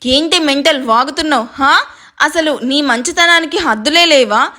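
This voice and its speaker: A woman's voice: sits high, moderate pace, bright, forceful tone. A woman voicing a playful, teasing young groom in a storybook reading. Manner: teasing, joking.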